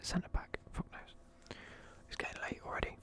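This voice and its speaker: A man's voice: normal speed, bright, forceful tone. A young man in a casual video, whispering sleepily as he reviews football teams and swears offhandedly. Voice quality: whispering throughout. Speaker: video creator.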